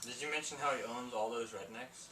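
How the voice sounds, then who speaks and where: A man in a casual film review chat, speaking at a brisk pace with a bright, forceful voice. The sound is roomy and distant from the mic, with faint noise. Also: medium pitch.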